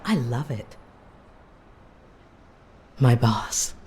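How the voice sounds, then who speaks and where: A low-pitched working woman in a video game, a fast food cashier at a diner. She sounds weary and guarded, with a hesitant way of answering. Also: darkish tone, full character voice.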